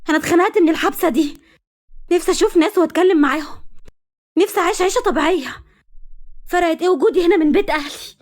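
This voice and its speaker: A woman with an Egyptian accent voicing a defiant, desperate young wife in a read-aloud story, loud and pleading. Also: sits high, fast, pauses often, voice pushed up, close to an everyday voice. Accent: Egyptian Arabic. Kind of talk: storybook reading.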